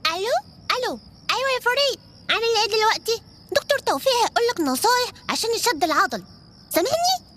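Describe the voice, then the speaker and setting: A woman's voice: very high voice, big pitch swings, racing, pushed and bright, a little hiss or hum, exaggerated voice. A woman voicing Farawla, a little girl in a children's audio drama who apologizes in a fluster.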